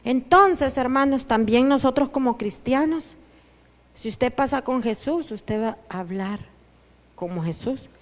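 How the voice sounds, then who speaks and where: A woman's voice: high-pitched, lively intonation, measured pace. Honduran woman pastor preaching in a reverberant hall. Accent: Honduran Spanish. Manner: preaching with sudden loud declarations and soft asides. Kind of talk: sermon. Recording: church hall with long reverb.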